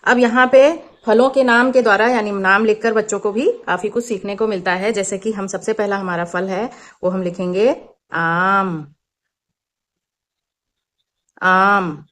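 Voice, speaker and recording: A woman hosting her own channel, explaining a children's worksheet slowly and patiently as a teacher, mixing in English words. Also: medium pitch, fairly even intonation.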